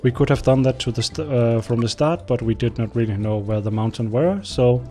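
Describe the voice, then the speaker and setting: Speaking a little fast in a warm, mid-range voice with fairly even intonation, a young Danish man narrates his strategy gameplay in casual let's-play style. He thinks aloud and talks to his units, with soft background music.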